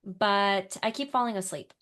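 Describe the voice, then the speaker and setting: A young woman co-hosting a podcast in casual chat, animated and rambling, laughing often, just getting over being ill. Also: medium pitch, moderate pace. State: recovering from illness. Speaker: podcast co-host.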